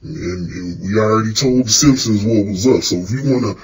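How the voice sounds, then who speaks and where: Man playing a husky, low-voiced gangster-boss voicemail caller. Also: brisk. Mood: teasing, chummy. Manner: leaving a rambling voicemail, casual slangy talk. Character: slangy, cocky Illuminati boss leaving menacing voicemails. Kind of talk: comedy skit voicemail.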